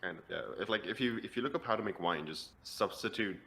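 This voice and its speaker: Bright-voiced man explaining haltingly. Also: on the low side. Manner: halting, filler-heavy explaining. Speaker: podcast co-host. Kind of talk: casual chat.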